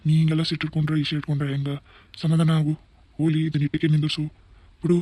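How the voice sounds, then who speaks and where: Man voicing a calming cartoon father with a North Karnataka accent. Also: on the high side, rapid-fire, husky, no echo. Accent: North Karnataka Kannada. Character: mild peacemaking father of the family. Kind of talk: cartoon voice acting.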